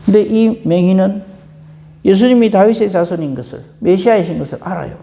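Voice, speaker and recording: A woman's voice: medium pitch, a little fast, vocal fry, mellow, big-room sound. A woman pastor giving an early-morning sermon, asking rhetorical questions and acting out quotes.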